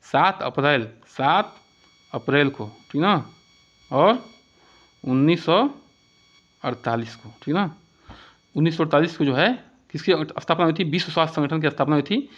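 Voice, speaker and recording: A man teaching an exam-prep lesson, with a voice on the higher side. He poses each question aloud, answers it himself and repeats the key points over and over. The recording sounds muffled and lo-fi. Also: moderate pace, pauses often, fairly bright tone. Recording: dull lo-fi recording.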